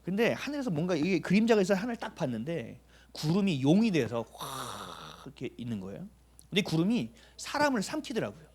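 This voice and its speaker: Animated male pastor with a high voice. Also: a little fast, husky. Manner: animated storytelling, acting out dialogue; emphatic rhetorical questions. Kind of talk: sermon.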